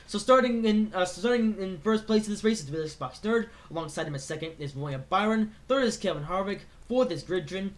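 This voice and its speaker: Man, race commentator, very high pitch, excitable play-by-play, stumbles over names. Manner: excitable, trips over names and corrects himself.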